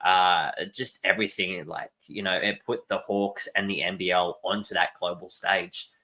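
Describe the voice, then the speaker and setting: Deep, bright-toned young man. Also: little pitch movement, moderate pace. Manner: enthusiastic, joking. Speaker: podcast co-host. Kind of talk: casual podcast chat.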